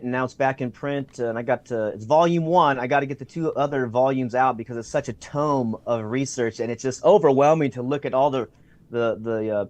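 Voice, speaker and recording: Recorded dry, a man with a medium-pitched voice speaks as a guest over video call. He recounts stories with plenty of enthusiasm and filler words, dramatizing the quoted remarks.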